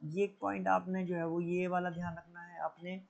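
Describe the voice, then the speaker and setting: Gravelly guy coaching students, fairly high voice, dull lo-fi audio. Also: little pitch movement, normal speed. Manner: addresses students as beta, repeats corrections with "theek hai". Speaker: Hindi teacher for exam prep. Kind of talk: exam coaching lesson. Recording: dull lo-fi recording.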